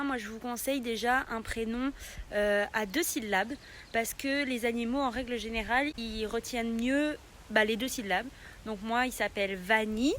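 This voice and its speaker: A young woman explains things to her viewers in a relaxed, chatty vlog style, pausing often on fillers. Her voice is a little higher than most and bright, even forceful. Faint noise hums under the recording. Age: young adult. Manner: chatty, hesitant, many fillers. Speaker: pet vlogger. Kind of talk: casual vlog tutorial.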